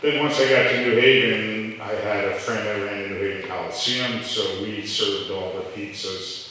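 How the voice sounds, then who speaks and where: A middle-aged restaurant owner with a deep voice, sounding pushed and bright, tells rambling stories with restarts and laughs during a live onstage interview, at normal speed with fairly even intonation. His handheld mic cut out, so he's picked up from a distance in an echoey hall, with faint noise.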